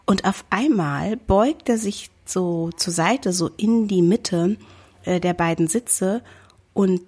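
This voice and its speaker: A woman chatting casually, telling an anecdote and acting out shouted quotes. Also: on the low side, slow pace, breathy edge. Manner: animated storyteller, acts out shouted quotes.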